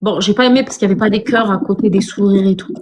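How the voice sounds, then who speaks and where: A woman's voice: medium pitch, fast talker, darkish tone, slight background noise. A young woman chatting casually on a live stream, teasing and slangy, calling her viewers pet names. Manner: teasing, slangy, says "ma puce" a lot.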